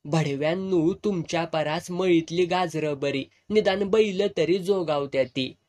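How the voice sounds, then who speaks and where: A brutal, bullying village landlord, as a male narrator plays him, snarling crude threats and barking orders in a storybook. The voice is loud, rough-edged and somewhat high. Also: a little slow, natural voice.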